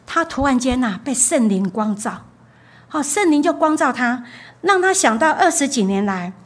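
Woman, from Taiwan, church sermon, storytelling, higher voice, repeats phrases. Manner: storytelling, repeats phrases for emphasis, frequent "ha" tag. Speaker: pastor's wife preaching.

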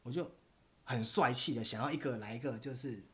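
A man's voice: medium pitch, a little fast, sharp tone. A man with a Taiwanese Mandarin accent, a podcast host telling a story in casual chat. He rambles, restarts his sentences and laughs at his own tale.

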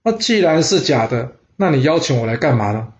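A man's voice: medium pitch, big pitch swings, a little fast, darkish tone. A man voicing a smug, cunning ancient king with a mocking, self-satisfied manner, in a storytelling reading on a dull lo-fi recording.

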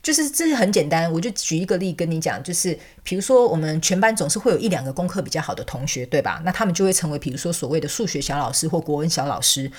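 A woman, a counselor and angel card reader, telling a story in a chatty, animated way to her viewers, full of fillers and asides. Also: sits low, fast talker, hardly any pauses, breathy edge. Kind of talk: casual storytelling monologue.

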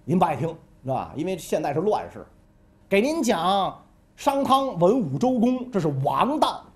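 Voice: mid-range voice, very animated, normal speed, natural voice. A storyteller playing a wheedling scheming scholar-adviser. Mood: persuasive. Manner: fawning, wheedling, keeps asking "right?". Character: scheming ambitious male scholar-adviser, persuasive. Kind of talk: comic history storytelling.

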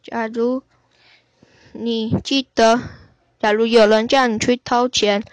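A woman reads a bedtime-style story for children, slow and gentle in her delivery. Her voice sits fairly high and the recording is dry and close. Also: level tone, no room sound.

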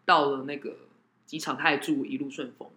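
A woman hosts a casual chat, telling stories at a quick clip. Her voice is bright and swings widely, animated and self-deprecating, with some room echo. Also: very deep voice. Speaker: show host telling personal anecdotes.

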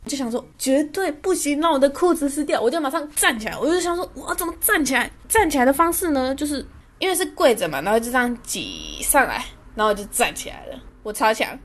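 A woman's voice: high-pitched, sing-song, quick pace. A young woman, hosting a podcast and telling a story in a chatty, self-amused way. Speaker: podcast host. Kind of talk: casual storytelling monologue.

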